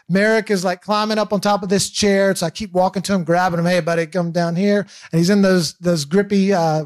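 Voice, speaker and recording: A man in his thirties telling a personal faith story as a pastor, candid and halting, with frequent restarts and fillers. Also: sits high, no echo, studio quality.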